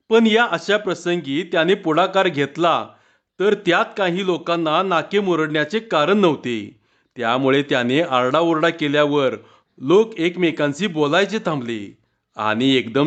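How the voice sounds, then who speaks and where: A man's voice: a little high, fairly bright tone. A man reading a humorous story aloud, narrating steadily and voicing the village dialogue. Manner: measured narration with voiced dialogue. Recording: dull lo-fi recording.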